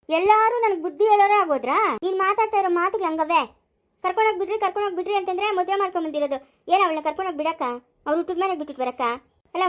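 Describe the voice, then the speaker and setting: Woman voicing a domineering grandmother for a family cartoon, high and commanding. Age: older. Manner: scolding, domineering. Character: bossy old grandmother, head of the household.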